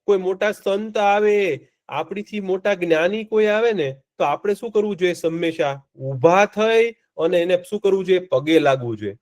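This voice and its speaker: A man telling a story to children in a live class, with a lively storytelling voice that rises and falls as he stops to ask the children questions. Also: high voice, moderate pace. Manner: asks the children questions often.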